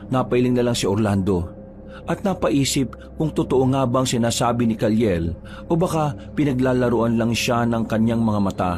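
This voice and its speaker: A man reading a folk horror tale aloud as a storyteller, in a measured, storytelling way. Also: medium pitch. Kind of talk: scripted horror story narration. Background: background music.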